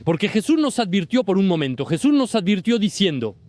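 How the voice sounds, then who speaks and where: A man in his forties, raised in France, testifies with fervour on a city street. His voice sits high for a man, and he hammers his points by saying them again. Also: very animated, fairly quick, a little mellow. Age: 40s. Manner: fervent, repeats his key points. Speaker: street interviewee. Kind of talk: impassioned street interview testimony.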